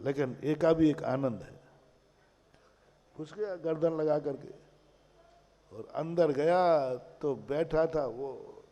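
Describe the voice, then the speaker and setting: A man's voice: a little high, slow pace, long pauses, mellow. A man, a Jain monk, giving a sermon, telling a personal story with rhetorical questions and playing out a dialogue with his own mind. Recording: long hall reverb.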